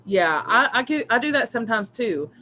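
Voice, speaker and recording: A man's voice: extremely high pitch, sing-song, moderate pace, pushed and bright, slight background noise. A man hosting a live spiritual reading stream, rambling casually with many fillers and restarts. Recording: dull lo-fi stream audio.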